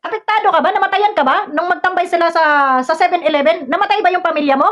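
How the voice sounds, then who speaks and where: A woman's voice: very high voice, fast. A woman ranting at a commenter, scolding and confrontational, firing off rhetorical questions. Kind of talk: heated commentary rant. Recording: dull lo-fi recording.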